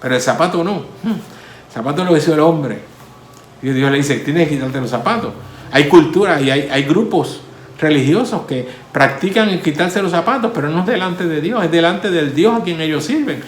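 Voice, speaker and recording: A man preaching a sermon as pastor, often saying hallelujah, rising loud and falling soft. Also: a little high, animated, moderate pace, roomy sound, slight background noise. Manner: preaching with repeated hallelujahs, swelling and falling in force.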